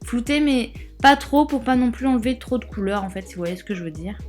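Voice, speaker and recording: A young woman with a slightly high voice talks through a makeup tutorial in a loose, chatty way, full of fillers and little asides. Faint music plays underneath her voice. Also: animated, a little fast, a little mellow. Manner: casual, rambling, lots of fillers and asides. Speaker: beauty vlogger.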